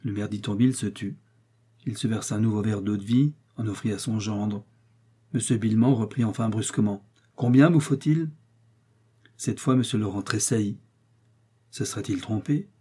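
A man narrating a French novel as an audiobook in a measured storytelling manner. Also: fairly low pitch, fairly even intonation, mellow, breathy edge. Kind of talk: scripted narration.

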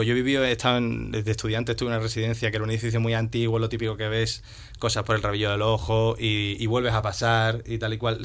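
A man, a podcast guest and musician, telling a story in a slangy, rambling, conversational way. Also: medium pitch. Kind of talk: casual storytelling.

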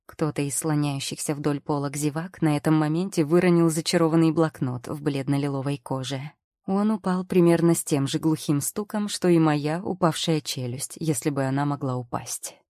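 Low-voiced woman narrating a wry tale. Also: normal speed, warm tone, no room sound, studio quality. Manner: wry, ironic storytelling. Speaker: audiobook narrator. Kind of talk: scripted first-person narration.

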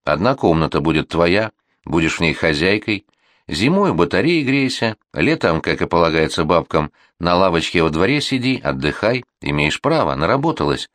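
A man's voice: low-pitched, sing-song, normal speed, fairly bright tone, no echo, studio quality. A man voicing an exasperated middle-aged father in an audiobook reading, talking with tired, firm insistence. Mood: persuading.

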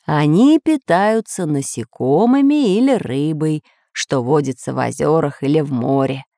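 A woman voicing a calm, learned male geographer who explains things in a measured way. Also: low-pitched, dry recording, studio quality, voice pushed down. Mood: explaining.

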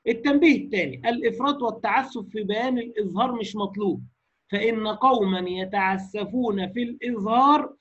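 An Egyptian man gives a recitation lecture in a high, husky voice. He puts questions to the class, then slowly demonstrates each word. The recording is dull and lo-fi. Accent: Egyptian Arabic. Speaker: Quran recitation teacher. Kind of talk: lecture on tajweed rules.

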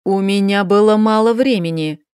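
A woman's voice: medium pitch, normal speed, a little mellow, smooth, no echo, studio quality, natural voice. A woman voicing a weak, submissive young man who mutters and pleads. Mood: pleading.

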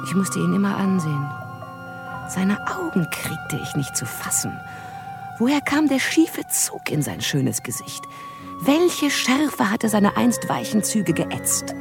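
An actress voicing a haunted young prophetess in a radio play, narrating in the first person with intense delivery that sinks into whispers. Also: female voice, mid-range voice, very animated, slow pace, gravelly, over music, heavily acted. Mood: brooding.

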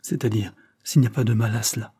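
A man reading aloud voices a frail, lovesick young English lady who pleads in a higher, trembling tone. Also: fairly even intonation, quick pace, dark tone, breathy edge, no room sound, studio quality. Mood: pleading.

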